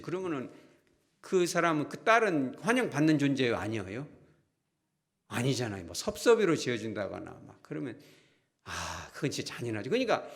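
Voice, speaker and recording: A male pastor delivers a Sunday sermon with a middle-pitched voice that swings widely as he tells the story. He acts out the voices of the people he describes and keeps turning to the congregation with questions. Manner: animated storytelling, acting out quoted voices.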